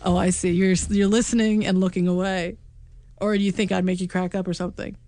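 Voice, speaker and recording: A middle-aged woman co-hosts a casual podcast chat from her home in upstate New York, talkative, laughing often and restarting her sentences. Her mid-range voice is dark in tone and moves little in pitch, a little fast, with no room sound.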